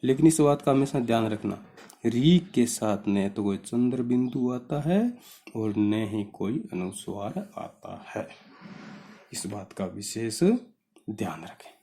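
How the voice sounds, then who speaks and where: A man's voice: on the low side, lively intonation, slow, mellow. A man teaching a grammar lesson, explaining step by step and putting questions to his students.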